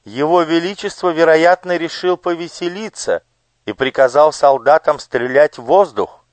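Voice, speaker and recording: A man's voice: on the high side, normal speed, dry recording, pitched above the performer's own voice, natural voice. Storybook noble lady, sweet and coaxing with a cruel streak, man reads her in a raised voice. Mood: surprised, amused. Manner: singsong, coaxing.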